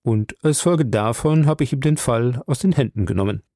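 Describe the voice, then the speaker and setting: A man voicing a shrewd, suave investigator who talks in a measured, diplomatic way. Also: mid-range voice, warm tone, no echo, studio quality, lightly acted.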